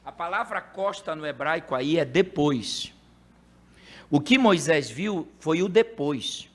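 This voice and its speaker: A pastor preaching a sermon, with sudden loud bursts between quiet, explaining passages. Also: male voice, fairly high pitch, lively intonation, slow. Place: church. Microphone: handheld mic.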